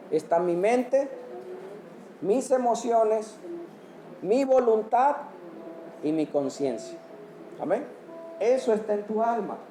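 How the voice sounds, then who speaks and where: A man's voice: high voice, warm tone. A man preaching a sermon, quizzing the congregation and answering each point with amen. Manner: asks the congregation questions, punctuates with amen. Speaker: pastor. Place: church hall. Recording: echoey church hall.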